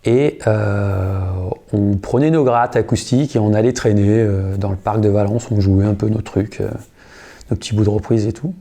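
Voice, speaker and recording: A man in his thirties from the United States, a guitarist and singer, tells a story during a casual interview. His voice sits fairly low, and he's relaxed and slangy, often restarting or pausing with fillers.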